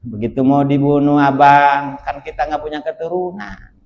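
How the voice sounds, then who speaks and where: A queen coaxing her husband the king, as a preacher puts her on. The tone is gentle and persuasive, and the voice sits high, near the speaker's own. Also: fairly even intonation, normal speed, gravelly, highs cut off. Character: queen pleading with her husband for the adopted baby.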